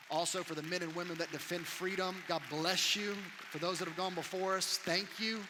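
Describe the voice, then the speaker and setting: A man pastor preaching a sermon in an animated, conversational way, with sudden loud bursts. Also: a little high, long reverb tail, noisy background.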